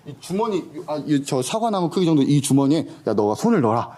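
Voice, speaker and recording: A man's voice: a little high, a little mellow. A man preaching a sermon as an education missionary, telling stories animatedly and acting out the dialogue. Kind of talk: sermon with storytelling.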